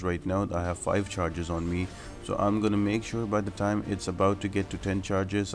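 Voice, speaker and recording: A man with a low, darkish voice gives fight tips as a gaming video creator. His walkthrough commentary is casual and explanatory, moving step by step, and music runs in the background.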